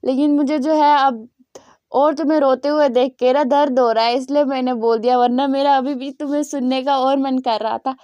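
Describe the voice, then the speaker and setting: A woman's voice: sits high, steady tone, normal speed, mellow, clean tone, dry recording, muffled recording, natural voice. A woman voicing a playful, teasing young man in a retold story.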